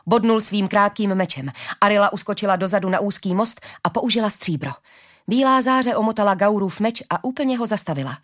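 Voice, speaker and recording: Female narrator, steady audiobook read. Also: mid-range voice. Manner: steady storytelling.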